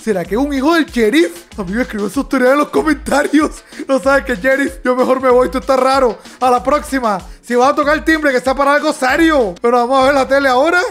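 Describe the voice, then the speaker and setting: A man narrates a video game to his audience in a high, light voice. He is excitable, shouts and laughs a lot, and addresses viewers directly. Soft game music plays quietly underneath. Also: a little fast, hardly any pauses. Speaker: gaming YouTuber. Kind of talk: let's-play commentary.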